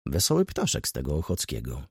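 A man voicing a brooding, jealous middle-aged merchant who thinks gloomily and explains calmly in an audiobook. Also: rumbling low, fast talker, breathy edge, no room sound, studio quality, pitched below the performer's own voice, exaggerated voice.

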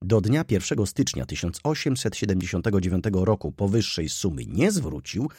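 A man's voice: low voice, sing-song, fairly quick, a little mellow, breathy edge, no echo, studio quality, full character voice. A man reading an audiobook and voicing a jovial, self-satisfied lawyer who speaks in a formal manner. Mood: pompous. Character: jovial pompous middle-aged male lawyer.

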